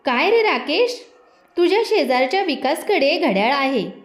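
A woman voicing a hungry, fidgety schoolboy who speaks in a hushed, pleading voice. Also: high voice, sing-song, moderate pace, roomy sound.

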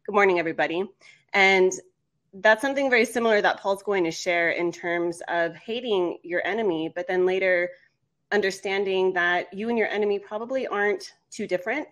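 A woman's voice: medium pitch, fairly quick, fairly bright tone. A woman in her thirties casually introducing a podcast as its host. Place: home studio room, on a video call.

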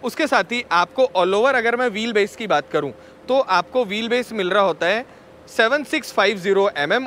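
A vehicle reviewer with a high, slightly bright voice gives a friendly, chatty walkaround at an outdoor expo, addressing viewers as pals. There's a little hiss or hum in the recording.

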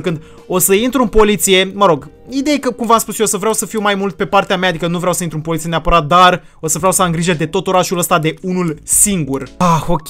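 A man with a bright, high voice gives excited commentary over his gameplay. He talks theatrically and throws in English exclamations. Faint music sits underneath. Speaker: gaming video creator.

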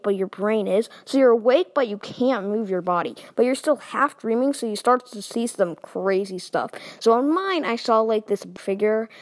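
A chatty woman narrating a casual storytime for her viewers. Her voice springs up suddenly in pitch and volume, then drops low again. She keeps tossing in playful asides as she goes. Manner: animated, sudden jumps in pitch and loudness. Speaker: storytime video maker.

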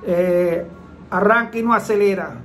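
High-voiced man explaining car repairs. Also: unhurried, fairly bright tone, a little hiss or hum, low-quality recording. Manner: repetitive, plain-spoken, acts out engine sounds. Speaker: automatic transmission mechanic hosting a car repair channel. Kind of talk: casual explanatory talk to viewers.

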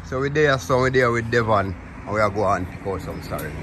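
A man with a Jamaican accent hosting a casual vlog on a rural farm, chatting in lively patois. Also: fairly low pitch, a little fast, background noise. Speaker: vlog host. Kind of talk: casual on-location chat. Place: outdoors at a rural farmyard.

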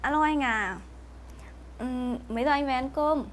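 A woman's voice: high voice, normal speed, slight background noise, close to an everyday voice. An actress playing a young wife and mother who speaks earnestly and anxiously to her mother-in-law. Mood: distressed. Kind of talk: web drama acting.

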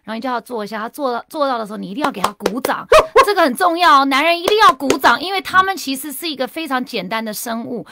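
A woman's voice: high voice, expressive, fast, vocal fry, few pauses, heavy background noise. A middle-aged woman, a radio guest, talking candidly and with animation about marriage, dropping in English phrases. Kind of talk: casual radio interview.

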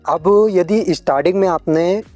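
A man's voice: sits high, a little slow, a little mellow, dry recording, faint music behind. A man hosting a farming advice channel, explaining crop care to farmers in a friendly tutorial way, often addressing them as friends.

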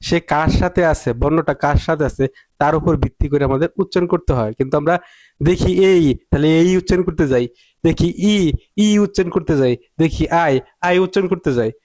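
A man's voice: a little high, a little fast, darkish tone, dry recording. Emphatic man teaching English. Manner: emphatic, repeats points and asks rhetorical questions. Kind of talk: spoken English lesson.

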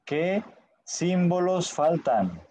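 A man's voice: fairly high pitch, sing-song, very slow, dark tone. Male online Spanish teacher, patient. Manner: patient, checks in often with questions.

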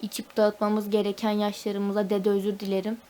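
A woman's voice: mid-range voice, monotone, a little fast, dark tone. A young woman, a university student, venting at home in a casual vlog, talkative and mock-dramatic. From Turkey. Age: young adult.

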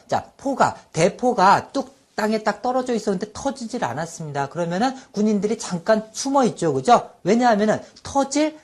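A husky-voiced man leads a recorded online vocabulary lesson. His pitch swings widely as he stretches each English word out slowly for students to repeat back. He checks in with short questions between points. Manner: drills words slowly and has students repeat them; checks in often with quick rhetorical questions.

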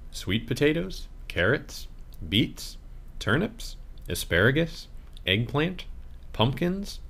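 A man reading a scripted audio tour narration in a measured, expressive way. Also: medium pitch.

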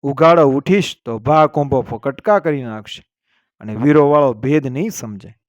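A man's voice: medium pitch, normal speed, dry recording, close to an everyday voice. A man reading as Bhayo Mer, torn clansman. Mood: anguished. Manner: anguished, pleading. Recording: dull lo-fi and dry.

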